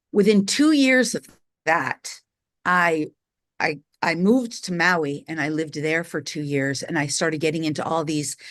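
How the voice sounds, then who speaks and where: A middle-aged woman from New York, a spiritual teacher telling her life story candidly and with animation in an interview. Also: low-pitched.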